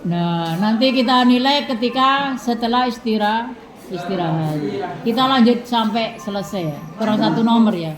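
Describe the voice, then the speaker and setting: A woman teacher, taking a class through questions and answers, ending many phrases with a checking "ya" and repeating answers slowly for students to write down. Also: fairly high pitch, over music. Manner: tags nearly every phrase with a questioning "ya". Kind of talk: classroom lesson. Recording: echoey classroom with students behind.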